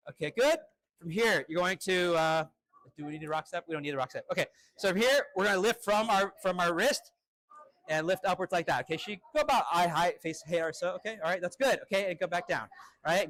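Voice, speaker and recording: High-pitched man giving crisp fencing commands. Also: expressive, fairly bright tone, dry recording. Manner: crisp, short commands between quick words of approval; encouraging. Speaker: fencing instructor. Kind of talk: live drill instruction.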